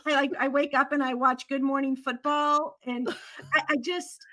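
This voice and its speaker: Brief: woman host, high pitch, earnest heartfelt storytelling on a podcast. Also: little pitch movement, moderate pace, pushed and bright. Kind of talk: casual podcast conversation.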